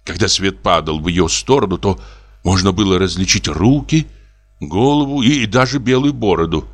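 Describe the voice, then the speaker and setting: A man narrating a classic short story in a measured, even storytelling manner. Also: low voice. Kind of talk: audiobook reading of a classic story.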